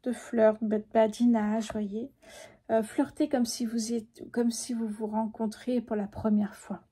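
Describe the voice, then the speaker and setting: A woman in her fifties with a sore throat, speaking softly and sometimes whispering as she lays out a tarot reading. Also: on the high side, flat delivery, unhurried, husky. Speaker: tarot card reader.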